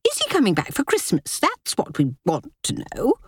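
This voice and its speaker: A woman's voice: huge pitch swings, normal speed, husky, no room sound, studio quality. A woman voicing a tactless, scolding aristocratic lady in a storybook reading. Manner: shrill, scolding, sulky. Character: tactless nagging aristocratic middle-aged woman.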